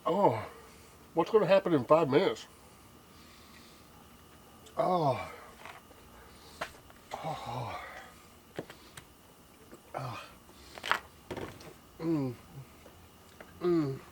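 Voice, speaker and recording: An older man, taste-testing a hot barbecue sauce on his cooking vlog, teary and sniffling from the heat, with slow, drawn-out hums and sighs. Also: fairly high pitch, lively intonation, breathy edge. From Texas. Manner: slow, drawn-out reactions to spicy food with many hums and sighs. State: teary, nose running from the heat. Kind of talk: casual taste-test reaction.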